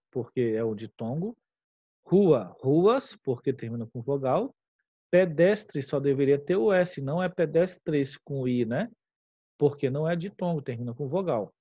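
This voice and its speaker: A man with a Brazilian Portuguese accent, a teacher, works through a grammar exercise, explaining as he goes and checking in with his class using "tá?" and "tudo bem?". His voice is fairly high and warm. The recording has no echo but is dull and lo-fi.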